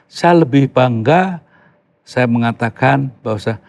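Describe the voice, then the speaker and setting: A man's voice: mid-range voice, measured pace, vocal fry, a little mellow. An older man from Yogyakarta, talking casually as a podcast guest, emphatic and mixing in English phrases. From Yogyakarta, Indonesia. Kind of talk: casual conversation.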